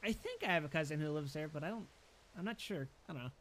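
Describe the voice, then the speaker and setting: A young man with a bright, forceful voice pitched a little high trades jokes in a loose chat with friends. He is animated and laughs easily, and he sounds relaxed among people he knows. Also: fast talker, slight background noise. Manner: animated, laughs often, joking.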